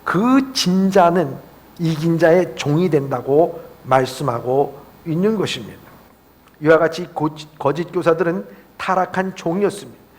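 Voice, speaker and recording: A male pastor preaching a sermon in an emphatic way, his voice climbing high on stressed phrases. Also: a little slow.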